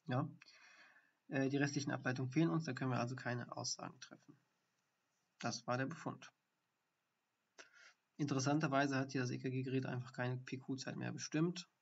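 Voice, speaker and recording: Dull, lo-fi stream audio captures a male doctor explaining ECG findings step by step in a live lesson, thinking aloud and using fillers. He has a mid-range, slightly rough voice with vocal fry, a steady tone, normal speed, and frequent pauses.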